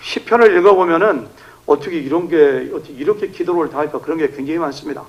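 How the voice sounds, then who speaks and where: A man's voice: on the high side, fast, muffled recording. A male pastor preaching an emphatic revival sermon in a church, leading the congregation in reading. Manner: emphatic, animated, acting out shouted prayers. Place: church sanctuary.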